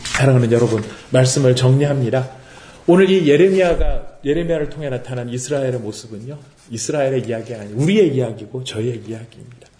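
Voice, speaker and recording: A man's voice: mid-range voice, fast talker, dark tone, echoey room, slight background noise. A man preaching a sermon as pastor, asking rhetorical questions and acting out quotes. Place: worship service room.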